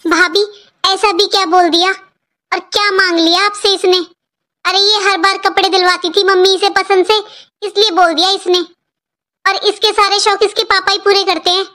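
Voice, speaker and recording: A woman's voice: extremely high pitch, flat delivery, normal speed, sharp tone. A woman playing a mother who defends her daughter against her sister-in-law in a family drama. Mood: reproachful. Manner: firm, reproachful.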